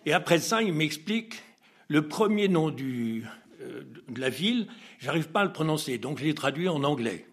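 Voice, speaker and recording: A man telling an anecdote as an interview guest. He is a lively storyteller who acts out dialogue, laughs often, and hesitates and restarts. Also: on the high side, normal speed, husky.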